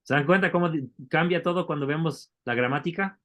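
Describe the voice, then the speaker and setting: A man's voice: a little high, a little fast, a bit bright. A man teaching a Bible Greek class, explaining step by step and asking the students questions. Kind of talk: classroom lecture.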